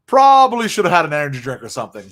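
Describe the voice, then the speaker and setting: A man's voice: on the high side, very animated, very fast, a bit bright. A young man hosting a casual hockey livestream, chatty and rambling with lots of fillers, tired and yawning from little sleep. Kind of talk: casual live stream chat.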